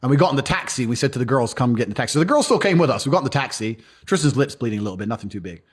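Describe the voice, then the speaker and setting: A man's voice: mid-range voice, husky. A man telling stories in a casual interview, blunt and profane. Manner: fast, animated, profane storytelling. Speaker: guest.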